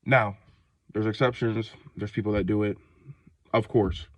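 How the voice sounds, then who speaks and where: A man's voice: fairly low pitch, fairly even intonation, unhurried, darkish tone, dry recording. A man in his twenties, sick and short of breath, rambling loosely in a slangy casual rant, outdoors in the cold. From Ohio, United States. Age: 20s. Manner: rambling, loose, slangy, many fillers and restarts. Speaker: vlogger.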